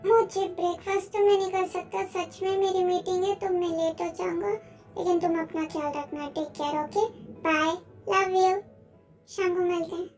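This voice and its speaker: A woman doing a grumpy young boyfriend, high-voiced. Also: fairly even intonation, normal speed, darkish tone, soft background music. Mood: soothing. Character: young man, grumpy then tender boyfriend. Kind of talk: Hindi fan-dub story voicing.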